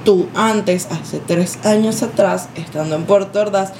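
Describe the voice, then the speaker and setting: A woman's voice: medium pitch, unhurried, a little mellow, a little hiss or hum. Candid woman, casual chat. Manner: candid, talkative. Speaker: podcast co-host.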